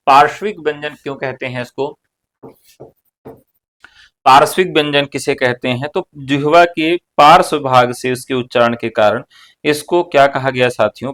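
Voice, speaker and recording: A man's voice: mid-range voice, fairly bright tone. Man teaching Hindi grammar, question-and-answer style. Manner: explanatory, asks and answers own questions; casual joking asides. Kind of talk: online exam-prep lecture.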